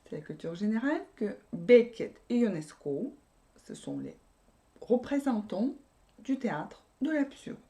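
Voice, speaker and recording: A woman's voice: a little high, big pitch swings, unhurried, warm tone. A woman teaching a language lesson, repeating and explaining each word patiently.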